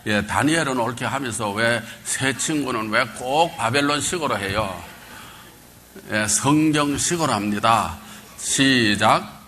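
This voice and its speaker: A male pastor giving a Bible lecture, quizzing his congregation and calling for answers, swinging between loud bursts and quiet asides. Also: medium pitch, a little slow, a little hiss or hum. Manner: quizzes the congregation, call and response.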